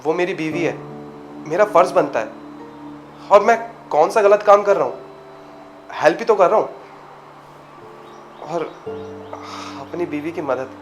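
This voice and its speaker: Guy playing a sweet earnest guard hubby, softish talk, clear music in the background. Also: a little high, a little slow, pauses often, lightly acted. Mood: tender. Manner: soft, earnest, coaxing. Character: gentle devoted husband working as guard. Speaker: security guard husband.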